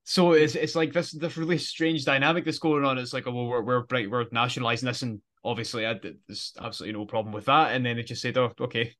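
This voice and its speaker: A man's voice: mid-range voice, little pitch movement, quick pace, few pauses, fairly bright tone. Man, podcast co-host, casual chat, rambling explanations, frequent restarts.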